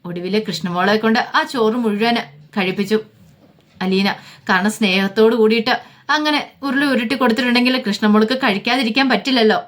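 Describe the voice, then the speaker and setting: A woman telling a family story, voicing each character's lines herself. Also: brisk. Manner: voices each family member with small pitch shifts. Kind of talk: storytelling narration with voiced dialogue.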